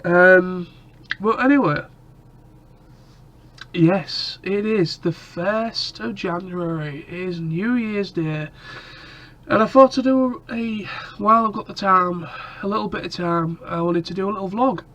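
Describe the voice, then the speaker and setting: A vlogger chats casually to camera, his nose stuffed up and coughing from a cold. His voice sits high with a fairly bright tone and a measured pace, and he rambles with lots of ums and restarts.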